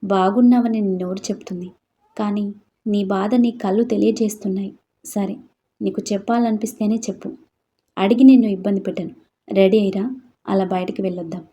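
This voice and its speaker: A woman voicing a gentle, caring mother who coaxes her son in a storybook reading. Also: mid-range voice, fairly even intonation, fairly quick, long pauses, breathy edge, natural voice. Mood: tender.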